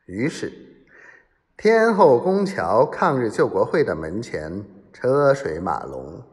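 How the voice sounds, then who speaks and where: A man's voice: on the low side, big pitch swings, slow. A man narrating a serialized story dramatically, acting out the quoted voices. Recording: long hall reverb.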